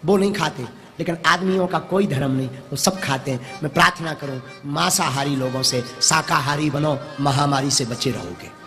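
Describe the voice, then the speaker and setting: A man's voice: fairly high pitch, moderate pace, fairly bright tone, big-room sound, faint music behind. A man preaching, urging his listeners with repeated slogans. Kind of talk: sermon.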